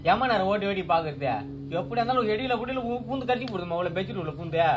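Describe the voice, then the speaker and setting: Cheeky fast-talking man in a sketch. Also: sits high, animated, noisy background. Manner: argumentative, cheeky. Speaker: comedic son character. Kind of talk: comedy sketch acting.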